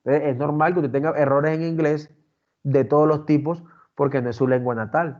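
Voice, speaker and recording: A man's voice: medium pitch, a little mellow, muffled recording. A man teaching an online class, lecturing and often asking the students questions. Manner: talkative, asks the class questions, many fillers.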